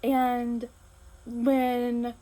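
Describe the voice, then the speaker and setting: Chatty enthusiastic woman host, slightly high. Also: completely flat delivery, very slow, dark tone, low-quality recording. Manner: enthusiastic, chatty, frequent fillers. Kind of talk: casual chat to camera.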